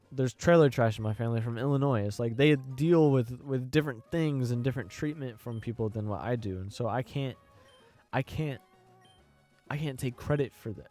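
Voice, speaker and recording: A man's voice: mid-range voice, warm tone. Rambling, hesitant young man on a podcast. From United States. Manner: rambling, hesitant, full of "you know what I mean". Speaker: podcast host. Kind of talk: casual opinion monologue.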